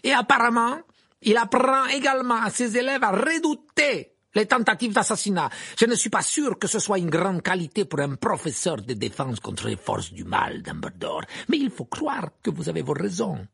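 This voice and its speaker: A man's voice: expressive, moderate pace, gravelly, breathy edge, exaggerated voice. A man voicing a haughty, irritable male headmaster in an audiobook, indignant and scornful. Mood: haughty indignation. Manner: shrill, indignant, sneering. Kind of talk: audiobook character voice.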